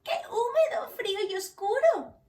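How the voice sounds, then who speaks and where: Storybook mouse, tiny and timid, squeaky and high, a woman puts it on. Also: animated, moderate pace, a little mellow, echoey room, distant mic. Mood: fretful.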